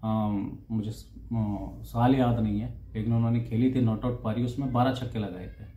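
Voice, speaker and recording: A man casually reading out cricket statistics, saying the numbers in both Hindi and English and pausing now and then over names and figures. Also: fairly low pitch, fairly even intonation, warm tone, lo-fi sound, a little hiss or hum. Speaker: cricket stats presenter. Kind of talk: casual talk. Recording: roomy echo with faint ambience.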